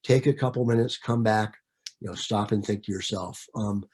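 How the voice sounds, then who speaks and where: A man's voice: on the low side, normal speed, a little mellow, breathy edge. A man leading a training session in a conversational way, with frequent fillers and repeated words. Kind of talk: training presentation.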